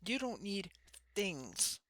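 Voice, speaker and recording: A woman with a lisp and slushy s sounds, giving an informal spiritual talk to camera in short, halting phrases. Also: medium pitch, sing-song, fairly bright tone, no room sound, studio quality. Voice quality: lisping, slushy sibilants from ill-fitting dentures. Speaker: host of a spiritual card-reading channel. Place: small room.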